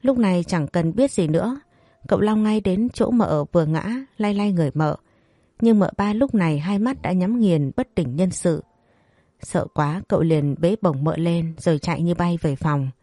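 Low, mellow-voiced woman storyteller. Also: moderate pace, no room sound, clean studio sound. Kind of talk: read-aloud story narration.

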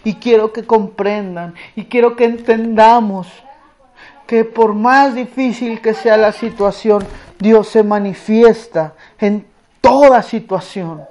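A woman preaching with a high voice, very slow and deliberate. She speaks earnestly to her congregation and often sinks to a near hush. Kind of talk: sermon with a told story.

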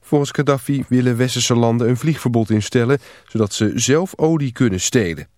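A man reading a scripted radio news bulletin in an even, formal manner. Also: medium pitch, brisk, dry recording. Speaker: newsreader. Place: news studio.

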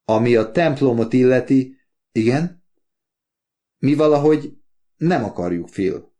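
A man's voice: mid-range voice, lively intonation, dark tone, voice pushed up, close to an everyday voice. A man putting on a blunt young woman. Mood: insistent. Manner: blunt, insistent. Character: sharp-tongued strong-willed young woman. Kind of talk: audiobook character voice.

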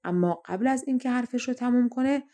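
A woman narrating fairy tales for an audiobook in a steady, expressive storytelling manner. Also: fairly high pitch. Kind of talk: scripted fairy-tale narration.

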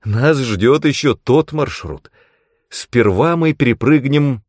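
Audiobook: a sly young woman ex-assassin, put on by a man, teasing, raised and lively. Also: medium pitch, no room sound, studio quality, voice pushed up. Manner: teasing, brisk and reasoning. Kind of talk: audiobook character reading.

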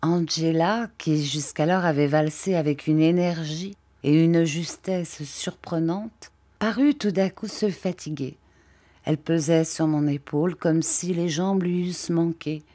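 Woman, story narrator, lowish voice, unhurried, expressive reading.

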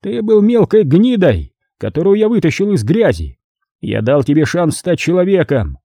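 A man's voice: sits high, very animated, moderate pace, mellow, no echo, studio quality, voice pushed up, exaggerated voice. A man voicing a ruthless, mocking middle-aged male crime lord in an audiobook, speaking in a sneering, imperious way. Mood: furious.

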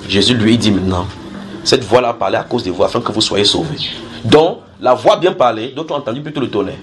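Fast-talking male preacher teaching a group. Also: fairly low pitch, expressive, a crowd in the background. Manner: explanatory, repeats key phrases, builds everyday analogies; asks listeners questions and draws call-and-response. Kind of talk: sermon-style Bible teaching to a group.

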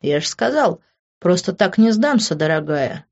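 A woman voicing a pushy, possessive young man in an audiobook, in an insistent, smooth-talking manner. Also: lowish voice, very animated, moderate pace, a little mellow. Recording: dull lo-fi recording.

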